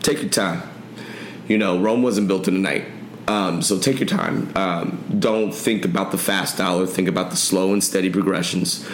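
A low-voiced man answering interview questions in a relaxed, thoughtful way with little pauses. The room is echoey. A faint noise sits underneath. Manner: relaxed, thoughtful, hesitant fillers. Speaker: guest, gym owner.

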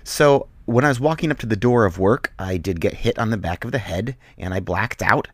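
A man co-hosting a comedy podcast, casually telling a deadpan absurd story as a product review. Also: on the low side, a little fast, no echo.

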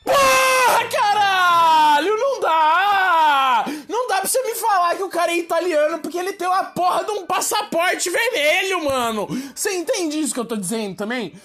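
A woman's voice: extremely high pitch, animated, moderate pace, hardly any pauses, shouting. A Brazilian woman ranting in a slangy, exasperated comic monologue to her viewers. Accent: Brazilian Portuguese. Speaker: vlogger. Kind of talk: slangy comic rant to camera.

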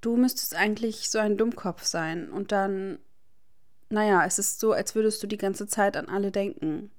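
A woman's voice: medium pitch, moderate pace, lightly acted. Dry, guarded teen wizard boy, read by a woman. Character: guarded sharp-tongued teenage wizard boy.

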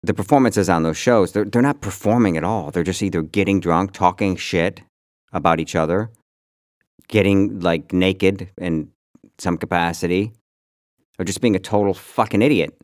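A man chatting casually and comedically as a podcast co-host, halting and rambling with repeated words, swearing freely, and pronouncing his R's like W's. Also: sits low, no echo, studio quality. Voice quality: can't pronounce R's, says them like W. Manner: profane.

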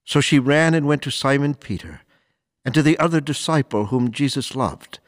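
A man reading scripture and preaching as clergy, solemn and deliberate, with measured pauses. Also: medium pitch, no echo, clean studio sound. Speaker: priest or deacon reading the Gospel and preaching. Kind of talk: liturgical scripture reading and homily.

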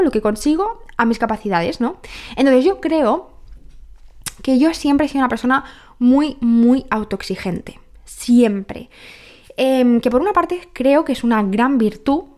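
A young woman from talks through her thoughts on her own podcast in a candid, reflective way. Her voice sits a little high, and she keeps correcting herself and tossing in rhetorical questions as she goes. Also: lively intonation, normal speed, a little mellow. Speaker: podcast host. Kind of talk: reflective personal monologue.

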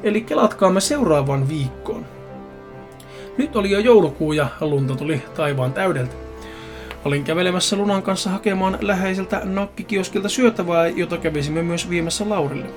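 Casual male storyteller, slightly high voice. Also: lively intonation, music in the background. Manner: casual, addresses the reader directly. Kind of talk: first-person story narration.

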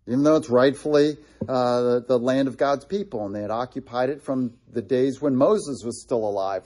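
A man leads a relaxed Bible lesson, walking listeners through a map with plenty of ums and false starts. His voice is husky and a little breathy. The tone sits dark and mellow throughout. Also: medium pitch. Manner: conversational, with frequent fillers and restarts; points out places on a map while explaining. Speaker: Bible teacher. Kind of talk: casual Bible study teaching.

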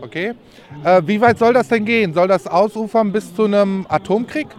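A man's voice: sits high, normal speed. A man working as a reporter, asking direct, probing questions in a street interview.

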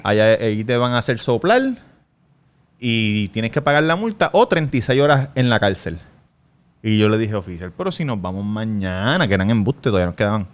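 Animated Puerto Rican man telling a story. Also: mid-range voice, brisk, clear, resonant tone. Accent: Puerto Rican Spanish. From Puerto Rico. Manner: animated, swearing, acts out voices in his story. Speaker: podcast co-host. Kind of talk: casual storytelling among friends.

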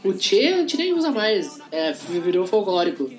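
A woman's voice: mid-range voice, big pitch swings, moderate pace, a little mellow, faint music behind. A woman with a gaúcho accent, a podcast guest in casual chat who hesitates and searches for words. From Rio Grande do Sul.

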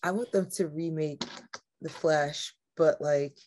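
A woman's voice: deep voice, fairly even intonation, slow, a little mellow, a little hiss or hum. Joking slangy woman chiming in on a recap. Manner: slangy, joking, offhand asides. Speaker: podcast co-host. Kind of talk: casual TV episode recap.

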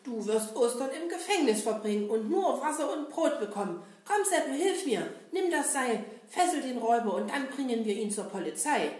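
A woman voicing Kasper, a cheerful, brave male puppet hero who talks straight to the children in a lively, sing-song way. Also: sits high, normal speed, few pauses. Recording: roomy echo.

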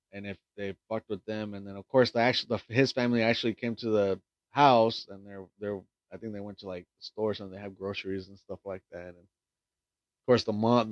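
A lower-voiced man talks through a movie plot in loose, meandering chat, full of ums, restarts and casual swearing. The sound is dull and lo-fi, with a dry, close feel and no room around it. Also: smooth, no echo. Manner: rambling, profane, many fillers and restarts. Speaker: film reviewer. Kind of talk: casual film review recap.

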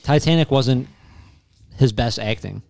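A young man in casual chat, argumentative and quick to challenge. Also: medium pitch, vocal fry, darkish tone.

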